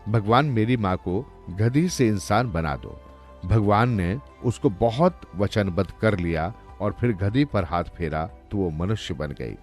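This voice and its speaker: Male narrator, cartoon moral stories, low voice, lively pitch, faint music behind. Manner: expressive, storytelling. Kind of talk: scripted storytelling narration.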